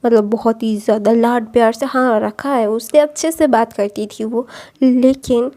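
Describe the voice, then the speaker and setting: A woman's voice: on the high side, steady tone, moderate pace, warm tone. A woman casually retelling a fan story, rambling, searching for words and correcting herself as she goes.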